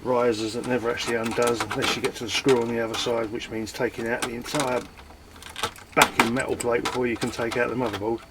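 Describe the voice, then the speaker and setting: A man talks away in a relaxed, rambling way, joking at his own expense while he takes apart scrap computers. His voice sits at an ordinary middle pitch. Loud clattering and clicks from his work fill the recording behind him. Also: fast, very noisy. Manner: chatty, self-mocking, muttering while working. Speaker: scrapping vlogger. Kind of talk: casual chat while working.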